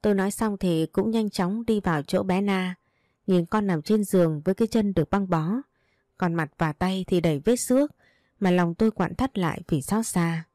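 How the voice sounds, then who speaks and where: A woman's voice: mid-range voice, normal speed, dark tone, no room sound, clean studio sound. A woman narrating a first-person story aloud in an emotional, heartfelt way.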